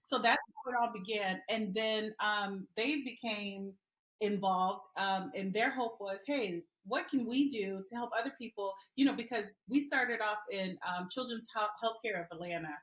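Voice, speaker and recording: A middle-aged woman from Liberia answering interview questions in an earnest, pausing way. Her voice sits in the middle of the range and carries an echoey room sound. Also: mid-range voice, fairly bright tone. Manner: earnest, with many "um" pauses. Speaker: guest, mother and advocate.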